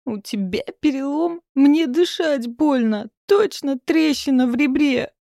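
A woman's voice: lowish voice, brisk, dark tone, no echo, studio quality, lightly acted. A woman voicing an anxious, complaining young office worker in an audiobook. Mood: panicked. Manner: panicky, complaining. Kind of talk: audiobook reading.

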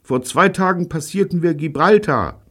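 A man's voice: a little high, moderate pace, fairly bright tone, pitched above the performer's own voice. A man doing a clueless boy on the radio. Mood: naive. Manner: evasive, naive.

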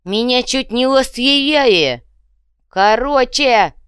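Figure: a crude, scrappy goblin-like fighter, always hungry and whining, voiced by a woman. He yells and squeals in a high, lively pitch that swings all over. A dry, clear studio audiobook sound. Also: normal speed, dry recording, natural voice. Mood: hungry, shouty. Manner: crude, yelling, whiny.

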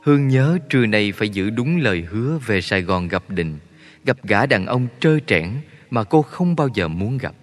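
A man's voice: on the low side, soft background music. Man narrating a story. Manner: steady, measured storytelling. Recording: long reverb.

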